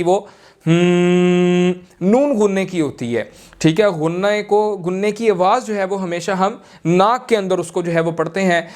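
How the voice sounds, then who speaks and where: A man teaching Quran reading in a slow, deliberate way, drawing out syllables and using many fillers. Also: high voice. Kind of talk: slow recorded lesson.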